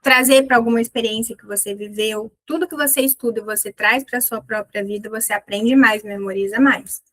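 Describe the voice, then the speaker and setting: A woman with a Brazilian Portuguese accent teaching an English lesson, lively, slowly drilling English example phrases with stress. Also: fairly high pitch, dry recording, low-quality recording.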